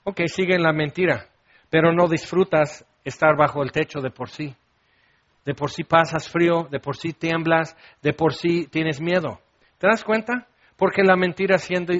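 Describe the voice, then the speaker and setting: A middle-aged man preaching a sermon, animated and dramatic, acting out little scenes as he talks. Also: a little high, muffled recording. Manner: animated, acts out scenes with shouts and laughs. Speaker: pastor.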